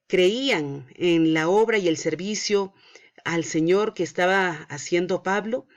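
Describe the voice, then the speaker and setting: Woman Sunday school teacher, storytelling for kids, slightly muffled lo-fi sound. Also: medium pitch. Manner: prays then narrates a Bible story to children. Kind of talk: Bible story lesson for children.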